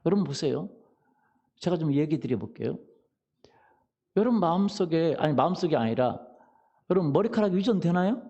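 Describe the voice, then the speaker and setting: A middle-aged male pastor preaching in a church, his voice high and gravelly. He tells funny family stories with a lot of swing in his pitch and keeps asking the congregation questions. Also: expressive, brisk, pauses often, mellow, lo-fi sound. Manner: humorous storytelling, asks the congregation questions. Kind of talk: sermon. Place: church sanctuary.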